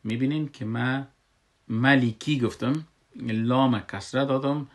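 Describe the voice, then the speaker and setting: A man with an Afghan Dari accent teaching Quran recitation, patient and repeating words and examples so students can drill them. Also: mid-range voice. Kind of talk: tajweed lesson.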